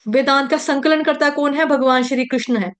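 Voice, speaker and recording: High-voiced patient woman teaching recitation. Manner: patient, repeats each syllable slowly, chants verses. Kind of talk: slow syllable-by-syllable pronunciation lesson.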